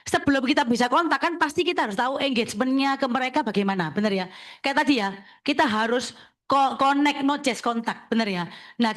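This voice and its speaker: A woman, an insurance agency leader briskly coaching listeners and checking in with them as she talks. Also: high voice, fairly bright tone. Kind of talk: sharing tips at a talk session.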